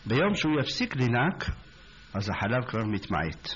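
A man giving a religious talk, telling stories with animated voices for the people in them. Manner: animated storyteller, acts out characters, rises high when excited. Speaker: rabbi or preacher. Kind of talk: sermon with storytelling. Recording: dull lo-fi recording with faint noise.

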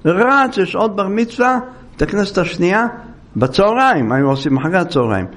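A man's voice: sits high, lively intonation, a bit bright. An older man teaching a religious lecture, telling stories and acting out what people said. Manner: storytelling, acting out quoted speech. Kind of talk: Torah lecture to listeners.

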